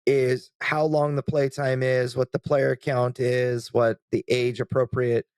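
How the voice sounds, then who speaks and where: A man's voice: medium pitch, flat delivery, a little slow, a little mellow, clear, resonant tone, dry recording, studio quality. A man co-hosting a podcast, chatting casually and thinking aloud with plenty of fillers. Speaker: podcast co-host.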